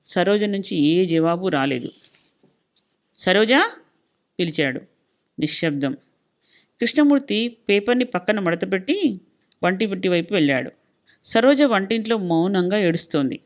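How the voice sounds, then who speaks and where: A woman storyteller narrating a short story in a calm, measured reading style. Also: mid-range voice.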